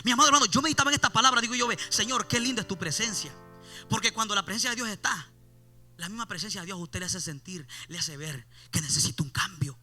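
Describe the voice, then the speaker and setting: A man preaching an impassioned evangelical sermon, repeating his refrains and swelling loud, then dropping low. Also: fast, faint music behind. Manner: impassioned, repeats "mi amado hermano".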